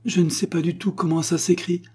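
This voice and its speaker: A man's voice: mid-range voice, moderate pace, darkish tone, breathy edge, voice pushed up, close to an everyday voice. A man reading aloud, voicing an earnest, exacting little schoolgirl taking dictation, with fussy, eager questions. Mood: piteous.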